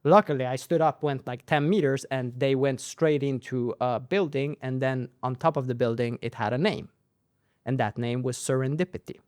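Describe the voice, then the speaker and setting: A young man, a company founder born to Persian and raised in Sweden, tells his story as a guest in a casual interview. His medium-pitched voice moves at a moderate pace, animated and sprinkled with tag questions, and he repeats phrases to drive his points home. The recording is dry with clean studio sound.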